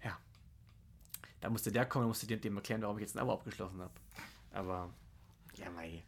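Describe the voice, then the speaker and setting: A man's voice: on the low side, brisk, slight background noise. A young man in his twenties in a casual, rambling chat, swearing and laughing along the way.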